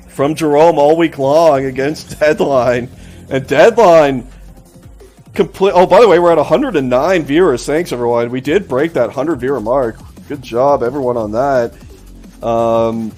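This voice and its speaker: An esports shoutcaster calls the action live, play by play, his slightly high voice giving out as he erupts into excited shouts on the big plays.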